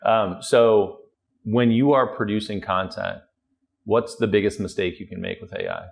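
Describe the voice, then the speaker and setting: A male podcast host with a very low voice and a gravelly fry in it. He puts questions to his guest in a relaxed, casual manner and adds dry joking asides. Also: moderate pace.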